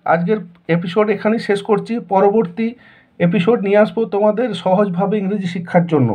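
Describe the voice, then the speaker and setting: A man's voice: high voice, steady tone, fairly quick, warm tone, highs cut off. A man with a Bengali accent teaching a school lesson, asking questions and answering them himself in a repetitive way. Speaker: English teacher. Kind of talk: classroom lesson explanation.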